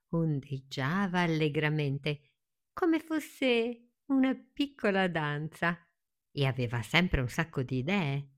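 A woman narrating a children's story in a gentle, expressive, unhurried read-aloud manner. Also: low voice.

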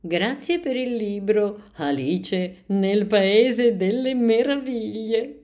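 A woman voicing a shy, gentle little boy in a children's story, in a soft childlike voice. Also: mid-range voice, animated, slow pace, pitched above the performer's own voice.

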